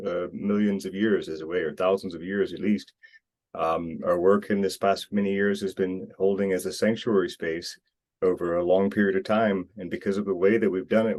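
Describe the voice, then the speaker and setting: In Costa Rica, an American man speaks earnestly as a guest in a casual interview, rambling and restarting often. His voice sits low with a darkish tone.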